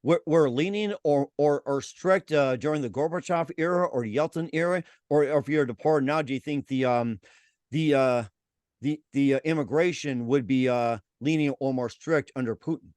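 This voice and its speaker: A man's voice: fairly high pitch, normal speed, darkish tone, clean tone, no room sound. Rambling man hosting, dry close sound. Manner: rambling questions with many fillers. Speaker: host. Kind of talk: interview host.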